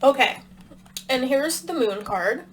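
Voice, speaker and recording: A woman's voice: high voice, lively intonation, slow, slight background noise, low-quality recording. A woman giving a casual tarot reading to her viewers, thinking aloud with plenty of fillers while talking around a cough drop. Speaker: tarot reader.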